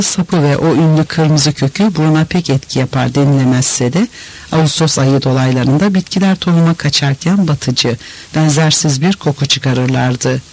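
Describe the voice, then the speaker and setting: A man reading a novel aloud in a measured, expressive storytelling manner. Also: fairly high pitch, poor audio. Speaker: narrator. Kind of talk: scripted audiobook narration.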